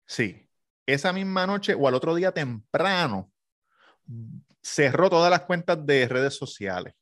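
A man's voice: fairly high pitch, lively intonation, measured pace, a bit bright. Puerto Rican man in casual podcast chat. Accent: Puerto Rican Spanish. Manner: agreeable, repeats words, casual slang. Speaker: podcast co-host.

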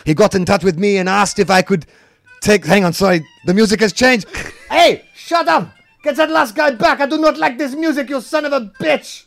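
A man puts on a boozy French retired footballer, pompous and rambling, with a hammy French accent. The voice sits high with a gravelly edge, close and dry. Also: a little fast, no echo, faint music behind. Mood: angry. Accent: put-on French. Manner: pompous, tipsy, rambling, bursts of shouting. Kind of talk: comedic podcast bit.

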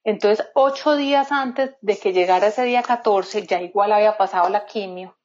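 A woman's voice: medium pitch, normal speed, darkish tone. A woman guest in an interview, telling a personal story in an earnest, heartfelt way. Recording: slightly dull lo-fi sound.

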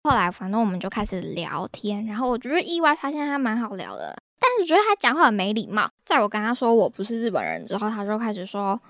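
A woman's voice: mid-range voice, sing-song, quick pace, few pauses, a bit bright, no echo, clean studio sound. A young woman from Taiwan with a Taiwanese Mandarin accent, hosting a podcast in a chatty, exasperated storytelling way. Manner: chatty, exasperated, laughs at her own stories. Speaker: podcast host.

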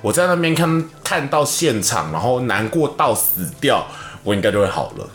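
A man with a Taiwanese Mandarin accent, co-hosting a casual podcast chat and telling animated stories. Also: normal speed. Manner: animated storytelling, acts out quotes in a high voice. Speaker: podcast co-host. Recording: echoey room with faint music.

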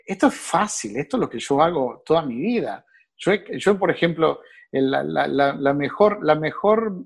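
A middle-aged man, working as a sommelier and telling stories in a lively way, acting out the voices of the people in them. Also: mid-range voice. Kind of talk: anecdotal storytelling.

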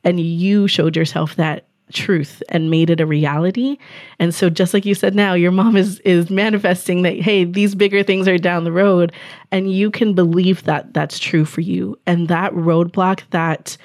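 A woman's voice: lowish voice, steady tone, moderate pace, a little mellow, no room sound, clean studio sound. A woman hosting a podcast, speaking in an effusive, encouraging way as she affirms her guest. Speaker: podcast host and business coach. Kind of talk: conversational interview.

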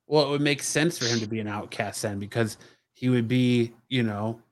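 A man's voice: medium pitch, normal speed. A man cohosting a podcast, chatting casually and rambling a little as he searches for words in a movie review. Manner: rambling, searches for words, frequent "you know".

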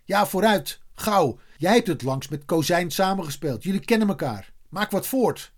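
A man voicing a brisk adult team official giving quick orders. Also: high voice, animated, voice pushed up. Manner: brisk, commanding.

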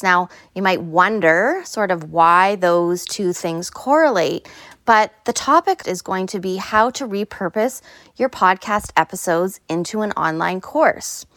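A woman's voice: mid-range voice, a bit bright, dry recording, clean studio sound. A woman hosting a solo podcast in a casual, conversational way, recorded on a phone inside a small closet. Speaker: podcast host. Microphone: phone, no headphones.

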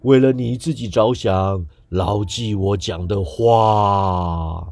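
Slow, solemn ghost dragging his chains, voiced by a man for a storybook reading. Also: on the low side, darkish tone, soft background music. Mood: lamenting. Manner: slow, drawn-out, heavy delivery.

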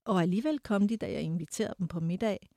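A man's voice: high-pitched, vocal fry, a little mellow, no room sound, clean studio sound. Woman reading a scornful male suitor. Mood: aggrieved. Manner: scornful, lecturing. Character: haughty, condescending male suitor. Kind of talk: reading a novel aloud.

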